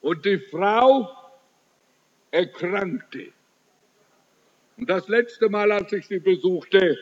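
A man preaching a sermon, slow and emphatic, addressing his listeners directly and scolding them at times. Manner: slow, emphatic preaching with sudden rises and drops in pitch. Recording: dull, muffled recording in a reverberant hall.

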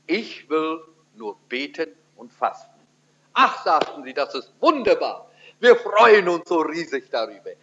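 Animated preacher man, lo-fi sermon recording. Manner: animated storytelling, pitch swinging widely for emphasis.

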